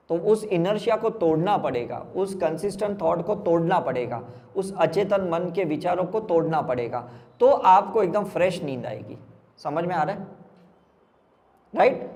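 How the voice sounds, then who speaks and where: A man's voice: fairly high pitch, a little mellow, in a large hall. A man from India, a spiritual healer, giving an emphatic motivational talk and firing rhetorical questions at a live audience.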